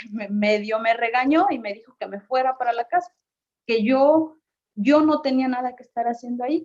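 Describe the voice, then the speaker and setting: A woman tells a personal story at a presentation, halting often on filler words and acting out the voices of people in her account. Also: on the high side, dark tone. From Mexico. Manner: unhurried, halting, with frequent filler pauses and reported dialogue. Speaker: community speaker. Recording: slightly dull lo-fi recording.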